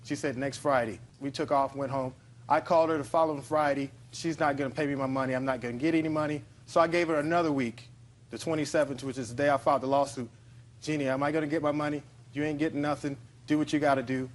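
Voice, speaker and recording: A man's voice: a little high, steady tone, fast talker. Matter-of-fact man testifying in court. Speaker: plaintiff in TV small-claims court. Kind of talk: plain spoken testimony.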